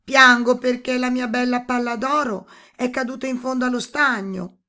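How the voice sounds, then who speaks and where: A woman's voice: fairly high pitch, steady tone, pushed and bright, voice pushed up. A woman voicing a spoiled, impatient young princess in a storybook reading. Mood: eager. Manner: eager and quick to promise.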